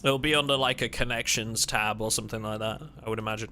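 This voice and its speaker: A man's voice: lowish voice, steady tone, quick pace, sharp tone, soft background music. A man streaming a game live, talking casually and rambling to his chat as he plays.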